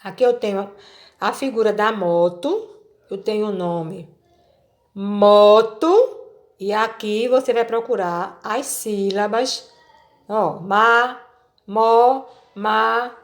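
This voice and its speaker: A woman teacher with a Brazilian Portuguese accent, patiently explaining a children's worksheet and sounding out syllables slowly. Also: mid-range voice.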